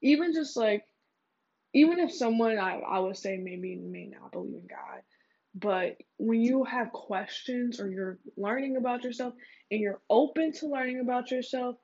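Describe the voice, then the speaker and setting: A woman's voice: on the high side, normal speed, a little mellow. A woman talking candidly and casually to her listeners in slangy speech, recorded on earbuds in an echoing bathroom. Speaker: host. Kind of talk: casual confessional monologue to listeners. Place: small echoing bathroom, indoors. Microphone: earbud microphone. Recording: dull, lo-fi earbud mic in bathroom.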